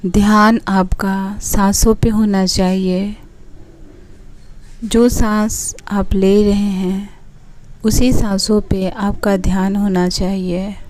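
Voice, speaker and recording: A woman leads a guided meditation, giving soothing, unhurried instructions in short phrases separated by pauses. Her medium-pitched voice holds a level tone and is a little mellow.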